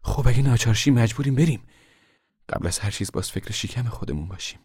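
A man voicing a weary, determined poor mother in a novel reading, low and hushed, sometimes forceful. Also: animated, breathy edge.

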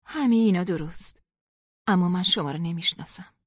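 A woman's voice: on the low side, husky, no echo, highs cut off, pitched below the performer's own voice. A woman voicing a cold, curt middle-aged woman within a read story, speaking dry and cold.

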